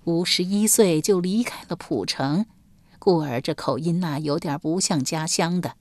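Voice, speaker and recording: A woman reader voicing a kindly elderly woman servant, speaking slowly and motherly with sighs, as an audiobook character. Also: lowish voice, no echo, close to an everyday voice. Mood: confiding. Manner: slow, sighing, motherly.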